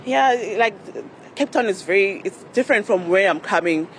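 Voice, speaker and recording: A South African woman giving halting, casual interview answers, often repeating her phrases. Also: medium pitch, expressive, rough recording. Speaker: tourist interviewed on the street. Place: outdoors on a city street. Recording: outdoor street with traffic noise.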